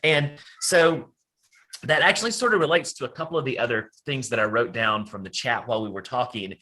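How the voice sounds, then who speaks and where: A man's voice: medium pitch, a little fast, bright, forceful tone, rough recording. A man with a Southern Appalachian accent giving an informal online talk, discursive, mixing folksy and academic phrasing. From Southern Appalachia, United States. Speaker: academic presenter, college dean. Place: at home, on a video call.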